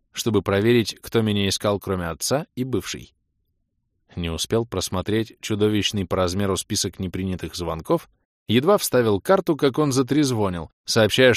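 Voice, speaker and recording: A man's voice: fairly low pitch, no echo, clean studio sound. A man reading a first-person audiobook in a wry, self-deprecating tone. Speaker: audiobook narrator.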